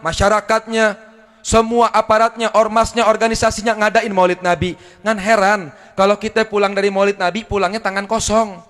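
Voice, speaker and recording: A high-pitched man preaches with fervent, rhetorical repetition, and his prayers swell into a chant. He speaks through a PA microphone, and a long reverb trails his voice around the hall. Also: fairly bright tone. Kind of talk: sermon and prayer. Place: Islamic religious gathering hall.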